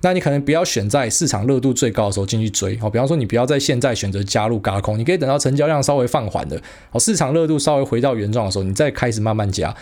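A man's voice: medium pitch, lively intonation, very fast, few pauses, darkish tone. A man with a Taiwanese Mandarin accent hosting a podcast, giving casual solo commentary that is blunt and slangy, with frequent fillers and mild swearing. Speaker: podcast host.

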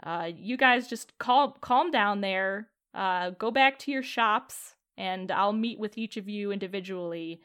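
Woman playing a gruff centaur cop. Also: mid-range voice, a little slow, hardly any pauses, close to an everyday voice. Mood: weary. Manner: bossy crowd-clearing shouts. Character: huge gruff male centaur police officer.

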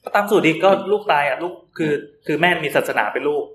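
A man's voice: fairly high pitch, fast, a bit bright. A man co-hosting a podcast who tells a long story in a rambling casual way, often repeating his words. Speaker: podcast co-host. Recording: roomy room with faint noise.

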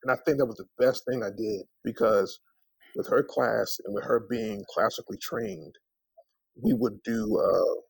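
The audio is poor but echo-free, capturing a lowish, creaky, husky man's voice at a measured pace. Being interviewed about his singing, he relates animated anecdotes, acting out the exchanges and filling them with asides like "you know" and "man."

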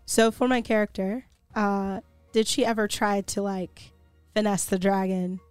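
A woman's voice: mid-range voice, level tone, unhurried, a little mellow, smooth, no echo, soft background music. A woman playing a tabletop game, casual and a bit hesitant as she asks questions. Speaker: player.

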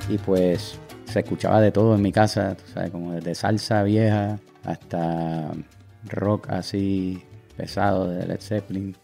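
Deep gravelly Puerto Rican man. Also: soft background music. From Puerto Rico. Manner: relaxed, halting, many fillers. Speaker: guest artist. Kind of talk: casual interview answers.

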